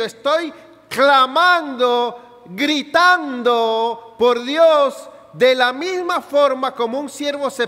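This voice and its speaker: A man preaching a sermon as pastor, with a Chilean Spanish accent, asking his congregation questions and rising to sudden shouted peaks on slow, stressed words, in a reverberant church hall. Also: extremely high pitch.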